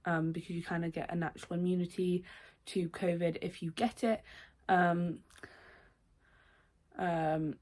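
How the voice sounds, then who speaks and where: A young woman, vlogging in casual chat, her voice slightly croaky and nasal from a cold, rambling with many restarts. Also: lowish voice, steady tone, a little slow, long pauses, a little mellow. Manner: rambling, with many fillers and self-corrections. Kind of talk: casual chatty vlog talk.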